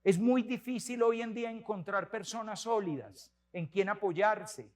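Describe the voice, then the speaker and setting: A priest in his sixties preaches with a fairly high voice. He tells stories with animation and repeats words for emphasis. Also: unhurried. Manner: animated storytelling, many repetitions. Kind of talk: sermon.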